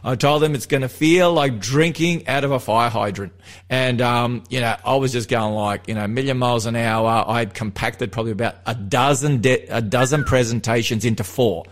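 Talking faith casually on the radio, an Australian host and seminar presenter from Melbourne keeps things lively and jokey. His voice sits in the mid range, at a moderate pace.

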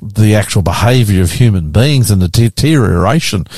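An Australian radio host who is also a pastor, from Queensland, trades casual banter and discussion in a chatty, blokey style from his studio. His low-leaning, slightly mellow voice has lively intonation and normal speed, and the sound is clean with no echo.

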